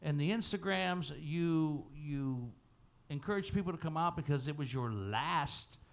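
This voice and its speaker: A man's voice: a little high, animated, a little slow, gravelly, a little hiss or hum. A man hosting a live comedy podcast on stage, playful and teasing as he hypes the audience. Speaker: podcast host.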